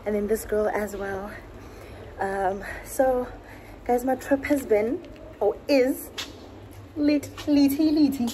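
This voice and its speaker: A woman in her twenties vlogging casually to a phone camera in a hotel room, chatty and animated, with bursts of excitement. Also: fairly high pitch, takes it slowly, long pauses, slight background noise, low-quality recording. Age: 20s. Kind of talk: casual vlog chat to camera. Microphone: phone camera at arm's length.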